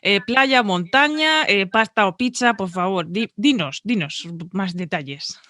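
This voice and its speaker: Bubbly, bright-voiced woman podcast host. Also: medium pitch, expressive, unhurried, no echo. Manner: chatty, bubbly, rambling. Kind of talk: casual podcast interview.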